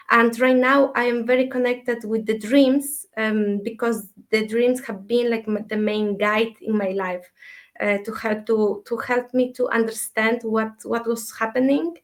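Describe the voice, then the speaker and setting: Soft-spoken woman from Ecuador, flat tone. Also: a little high. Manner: soft-spoken, thoughtful, many fillers. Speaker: dream mentor, guest. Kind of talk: casual interview talk.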